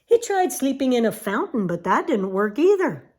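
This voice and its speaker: An older woman with a gentle grandma voice reads a picture book aloud to a young child, often dropping into soft, breathy asides. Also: fairly high pitch, slight background noise. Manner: gentle grandma voice, slow and expressive.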